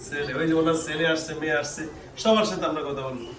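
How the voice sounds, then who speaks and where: With a crowd audible behind him, a fast-talking man whose voice sits on the high side addresses the camera and visitors in a live session. He's a healer and mufti from Bangladesh, coaxing and pressing people with question after question. The recording comes from an echoey room through a distant mic, with faint noise.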